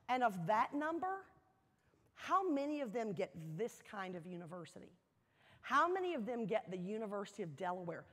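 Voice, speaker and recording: A woman with a fairly high voice gives a motivational speech to an audience at a university welcome event, inside a large hall full of reverberation. Earnest and emphatic, she shares her story, hitting key words hard, repeating phrases, and pausing dramatically.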